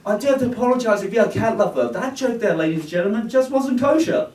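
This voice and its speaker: High-voiced man doing stand-up. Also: animated, quick pace, darkish tone. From Australia. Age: 30s. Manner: chatty, hesitant, laughs at own jokes. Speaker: stand-up comedian. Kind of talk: stand-up comedy set. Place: pub comedy room with audience. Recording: roomy, distant audience recording. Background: audience laughter.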